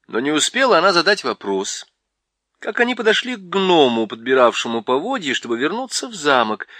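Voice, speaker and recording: A man reads an audiobook in a measured yet expressive storytelling style. His voice is mid-range, and the sound is clean studio audio with no echo.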